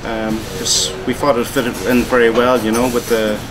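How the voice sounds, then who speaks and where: A man's voice: medium pitch, normal speed, very noisy. A man, a head chef who grew up in Donegal after being born in Hong Kong, chatting easily in an interview and filling his talk with "you know". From born in Hong Kong, raised in Donegal, Ireland. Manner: relaxed, full of "you know" and "um". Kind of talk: casual interview. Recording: crowd chatter behind.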